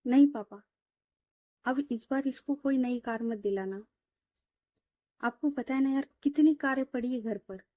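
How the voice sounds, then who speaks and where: Brief: a woman playing a level-headed young woman, earnest and chiding, pitched up. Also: unhurried, long pauses, warm tone, dry recording, clean studio sound. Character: sensible young businesswoman, protective friend.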